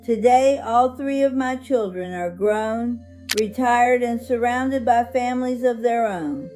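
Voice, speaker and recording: A woman plays an elderly woman survivor narrating her life story with solemn dignity and hope. The delivery is slow and measured, in a soft-edged, mellow tone that sits a little high. Music plays behind the earnest storytelling. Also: natural voice, rough recording. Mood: solemn, hopeful. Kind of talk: scripted first-person life-story narration.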